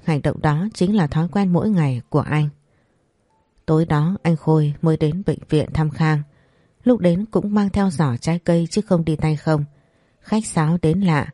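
A woman narrating a first-person story in a steady, even reading. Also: deep voice, no room sound, clean studio sound.

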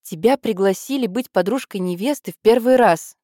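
A woman's voice: fairly low pitch, expressive, fairly quick, warm tone, no room sound, clean studio sound. A woman voicing a sly, teasing younger sister in an audiobook.

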